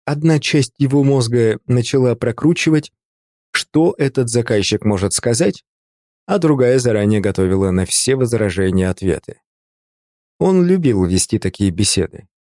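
Man narrating an audiobook, mellow dark voice, dry close sound, steady reading. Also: mid-range voice, moderate pace, no room sound.

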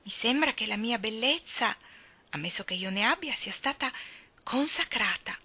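A woman's voice: fairly high pitch, animated, normal speed, sharp tone, slightly rough, voice pushed up, exaggerated voice. A woman voicing a dramatic, gushing young woman in an audiobook reading, speaking in a breathless, theatrical way.

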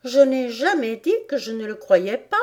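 A woman's voice: fairly high pitch, expressive, moderate pace, mellow, pitched above the performer's own voice, close to an everyday voice. A woman voicing a polite, curious little girl in a storybook reading, in a raised, prim and questioning voice.

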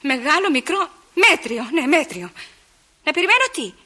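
A flirtatious, theatrical lady in love. Her voice sits high and bright and leaps about, full of quick swings from teasing to pleading. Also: exaggerated voice. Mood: excited playful. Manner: lively, coquettish, quick mood swings. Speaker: radio drama actress. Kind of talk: 1960s Greek radio theater acting.

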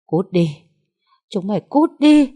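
A woman voicing an exhausted young woman who shouts through tears. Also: sing-song, slow. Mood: tearful outburst. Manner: shrill tearful shouting. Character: distraught young woman, exhausted, tearful and lashing out.

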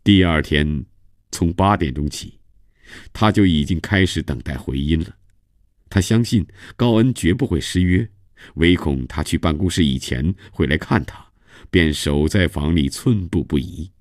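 A man narrates a novel for radio in a steady, measured storyteller's voice. His tone sits very low and dark. The studio sound is close and dry, with no room around it. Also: no room sound.

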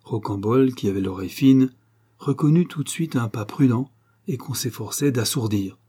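A man reading a classic novel aloud as audiobook narration, in a steady, measured way. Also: mid-range voice, breathy edge. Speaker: audiobook reader.

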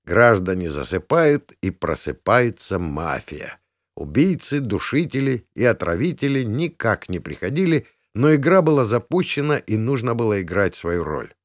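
Expressive male audiobook narrator, low voice. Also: moderate pace, no echo, clean studio sound. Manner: expressive storytelling.

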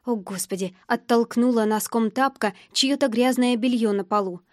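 A woman's voice: on the high side, fairly even intonation, moderate pace, no room sound. Woman narrating a tense novel, dry. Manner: tense, emotional storytelling. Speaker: audiobook narrator. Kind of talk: first-person novel narration.

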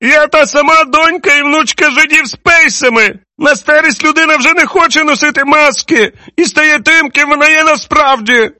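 A man voicing a bitter, sharp-tongued elderly woman in an audiobook, in a high, shrill voice. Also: moderate pace, hardly any pauses, no room sound, studio quality, full character voice. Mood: defiant. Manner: shrill, biting retorts.

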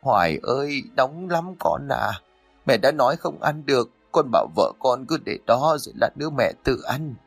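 A man's voice: medium pitch, sing-song, moderate pace, vocal fry, slightly rough, no room sound, soft background music, voice pushed up, exaggerated voice. A man voicing a frail bedridden old woman who begs in a thin, broken voice. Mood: pleading.

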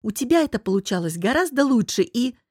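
Audiobook: woman doing excitable young girlfriend, chattering, raised pitch. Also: fast, husky, no echo, studio quality. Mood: lively. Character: cheerful young woman friend, bubbly.

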